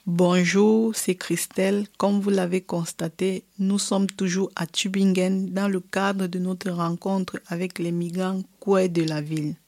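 A woman presenting a radio magazine in a clear, announcing way. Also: on the low side, level tone, unhurried, few pauses, darkish tone, dry recording. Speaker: radio host.

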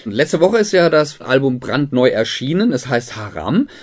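A male radio host reads a playful introduction and then interviews a guest. His voice rises and falls a great deal, giving the talk an animated bounce. He sounds upbeat and at ease. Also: mid-range voice, moderate pace.

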